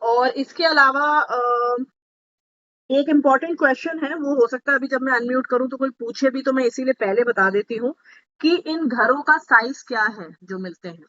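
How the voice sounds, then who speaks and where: A woman's voice: high-pitched, moderate pace, bright, forceful tone, highs cut off. A woman speaking to party members in an online meeting, explaining a scheme step by step, asking them to note things down and slipping in English terms. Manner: explanatory, asks listeners to take notes, mixes English terms. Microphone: video call.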